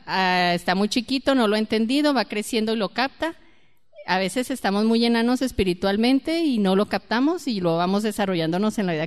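A woman's voice: on the high side, clean tone. A woman preaching a conversational sermon and asking her congregation questions. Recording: long hall reverb.

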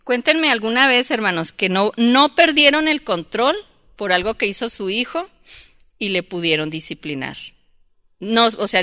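Bright-voiced woman teaching a church group. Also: mid-range voice, clear, resonant tone. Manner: conversational, asks the audience questions; acts out shouting mother and child in quotes. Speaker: Bible teacher.

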